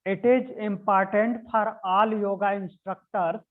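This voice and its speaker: High-voiced man teaching over a conference call. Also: steady tone, measured pace. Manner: repeats phrases and spells out key words letter by letter. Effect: heard over a video conference call. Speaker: yoga anatomy teacher. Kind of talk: online class lecture, dictating notes. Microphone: video call. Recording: narrow phone-like call audio.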